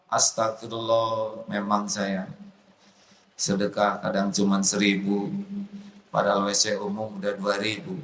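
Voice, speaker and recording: A man's voice: lowish voice, completely flat delivery, a little slow, long pauses, a bit bright. Man preaching a playful sermon, echoey hall. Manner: playful, acts out little scenes, frequent sighs of astagfirullah. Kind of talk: humorous sermon. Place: large hall before an audience. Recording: echoey hall with faint noise.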